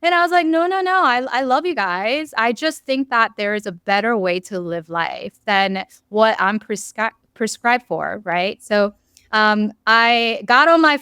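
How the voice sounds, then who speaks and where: A woman's voice: fairly high pitch, expressive, a little slow, pushed and bright, clean tone, dry recording, clean studio sound. A young woman from South Korea, a podcast guest telling her story earnestly, with many ums and likes. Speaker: podcast guest, real estate investor. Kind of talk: casual interview storytelling.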